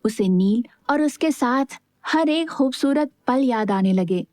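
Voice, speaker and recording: Woman, audio story narrator, high voice, calm, unhurried. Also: no room sound, clean studio sound.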